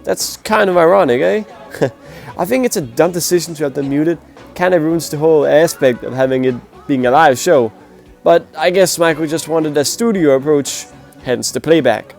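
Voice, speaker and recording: Soft background music accompanies a fairly high, creaky, slightly mellow male voice at a moderate pace. The nasal, sick-sounding music performance reviewer speaks bluntly in a casual video, grading performances with scores.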